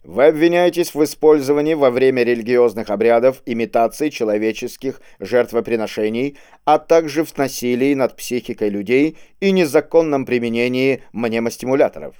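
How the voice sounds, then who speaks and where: A man's voice: medium pitch, a little fast, hardly any pauses, mellow, clear, resonant tone, no room sound, studio quality, natural voice. A man voicing a stern male police inspector who speaks in a commanding, brusque way.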